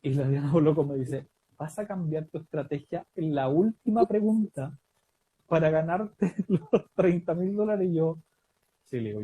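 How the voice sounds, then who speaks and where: A man from Chile with a Chilean accent, telling a lively story about a quiz show win, often laughing and acting out the dialogue. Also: a little high, breathy edge, poor audio. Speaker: guest storyteller. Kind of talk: casual anecdote telling.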